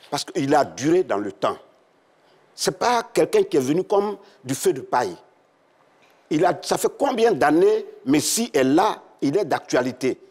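A man's voice: on the high side, a little mellow, husky. A man, a talkative studio guest chatting and laughing on a football show. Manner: talkative, laughs as he tells stories. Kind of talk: casual studio chat.

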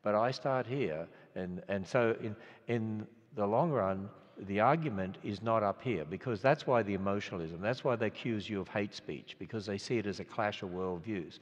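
Preaching earnestly and conversationally, an older Australian-accented man tells stories in a sermon, restarting often. His voice is fairly low and his pace moderate. The sound is lo-fi, captured in a reverberant hall.

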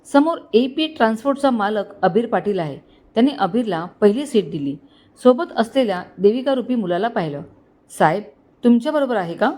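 A woman's voice: fairly high pitch, expressive, a little fast, dark tone. A woman with a Marathi accent narrating a love story, reading every character's lines in her own voice with small shifts. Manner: reads all characters in one voice with small shifts.

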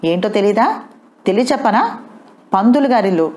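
A woman voicing a rough, rowdy young man with a hot temper who shouts threats in an audio novel. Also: mid-range voice, lively intonation, normal speed, natural voice. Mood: furious.

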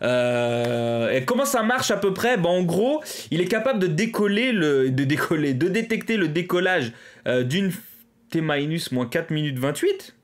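A man's voice: fairly high pitch, sing-song, moderate pace. Chatty French man streaming live. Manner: chatty, rambling, many fillers, laughs at own mishaps. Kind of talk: casual live commentary.

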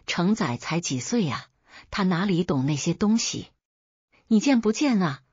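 A woman's voice: lowish voice, animated, a little slow, a little mellow, breathy edge, dry recording, highs cut off. A woman voicing a furious village mother who screams insults to defend her son. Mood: enraged.

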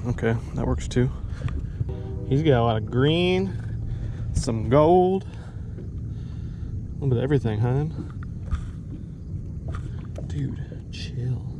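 Speaking slowly with long pauses, a man in his thirties gives animated, medium-pitched commentary while fishing on a lake. He's a fishing vlogger on a bass boat, casually mocking himself and talking to his dog, and the boat's action camera captures plenty of background noise.

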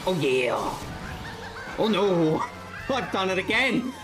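A man streaming video games, giving casual commentary in an excitable, jokey way and often breaking into laughter. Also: high voice, slow pace, music in the background.

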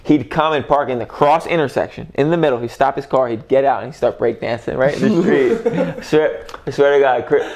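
A man's voice: mid-range voice, lively intonation, a little fast, darkish tone. A young man, a podcast guest, telling loose, profane stories in casual chat with lots of fillers. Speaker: podcast guest, former band member.

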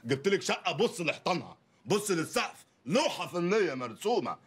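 Allimby, husky bumbling loudmouth husband. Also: male voice, high voice, very animated, a little fast, exaggerated voice. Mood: mocking. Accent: Egyptian Arabic. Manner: ranting, sarcastic, wildly swinging delivery. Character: poor bumbling loudmouth lawyer husband, male, adult. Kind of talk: comedy film acting.

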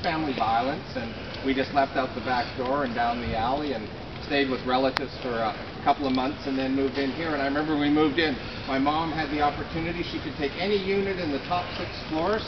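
A middle-aged man telling a group about his past on an outdoor walking tour, reflective and halting with many fillers. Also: mid-range voice. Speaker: former resident speaking on a walking tour. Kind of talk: casual outdoor storytelling to a group. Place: outdoors in a rainy housing courtyard. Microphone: smartphone camera at a short distance. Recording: dull phone-camera audio with outdoor noise.

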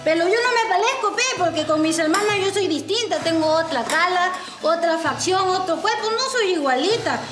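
Shrill, bossy Chinese chifa boss, nagging in broken Spanish; very high voice, roomy set. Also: female voice, animated, moderate pace, few pauses, over loud music. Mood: indignant. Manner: scolding, broken Spanish, nags and drills phrases. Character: bossy middle-aged Chinese woman running a cheap Peruvian chifa. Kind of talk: TV sitcom acting.

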